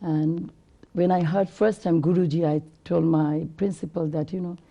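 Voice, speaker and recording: A woman's voice: fairly low pitch, fairly even intonation, normal speed, vocal fry, mellow, muffled recording. A woman in her fifties, a classical singer talking earnestly in an interview with loose, rambling phrasing. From Bangladesh. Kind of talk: conversational interview.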